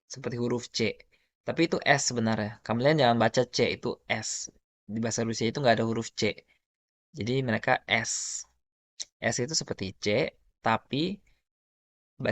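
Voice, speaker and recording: A man with an Indonesian accent talks through a language lesson in an easygoing, chatty way, stopping often to give example words. His voice sits at an ordinary middle pitch. The recording is dry, with almost no room echo. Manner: informal, explains patiently with many example words. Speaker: language teacher. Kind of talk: casual spoken lesson.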